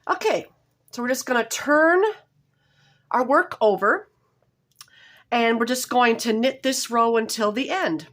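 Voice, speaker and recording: Her voice a little high, fairly bright and slightly hoarse from a cold, a woman runs a casual knitting tutorial from home, step by step. She's homey and apologetic, often stopping to correct herself.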